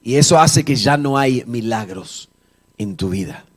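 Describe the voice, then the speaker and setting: In an animated sermon at a measured pace, a male pastor with a medium-pitched voice addresses a church congregation. He jokes and talks conversationally with them and tells the story by acting out its dialogue.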